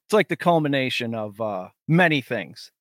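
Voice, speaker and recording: A man's voice: mid-range voice, very animated, normal speed, fairly bright tone, no echo, clean studio sound. A man co-hosting a sports betting podcast in casual, conversational talk. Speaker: podcast co-host, sports bettor.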